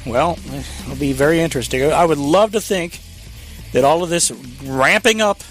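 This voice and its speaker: A man hosting a live radio talk show, speaking casually with fillers, restarts and little chuckles. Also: on the high side. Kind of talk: casual political commentary.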